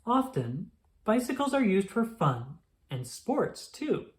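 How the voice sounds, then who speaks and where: With a sing-song lilt and an unhurried pace, a mid-range narrator reads a kids' picture book aloud. Every word is distinctly pronounced in an instructive storytelling way.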